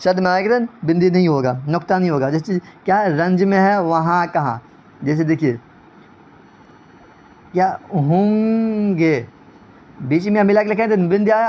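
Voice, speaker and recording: A man's voice: high-pitched, darkish tone. A male teacher giving an online grammar lesson, repeating each point and often checking whether students understood. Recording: dull lo-fi recording.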